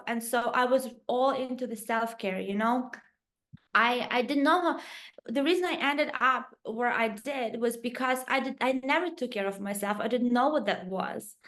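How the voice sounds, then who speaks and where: A woman's voice: fairly high pitch, a bit bright. A woman in her thirties from Portugal, a podcast guest telling her story in a reflective way, with fillers and restarts. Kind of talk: casual interview storytelling.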